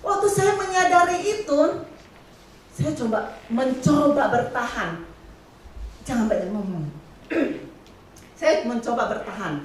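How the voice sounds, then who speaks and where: A middle-aged woman preaches to young people, her voice fairly high for a woman and bouncing through questions to the room. She sounds a little away from the mic, and a strong echo hangs around her words in the big hall. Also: slow pace, pauses often, far from the mic, a little hiss or hum. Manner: lively, asks the crowd questions, acts out scolding mother. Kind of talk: youth sermon. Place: church hall. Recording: echoey hall, heard from afar.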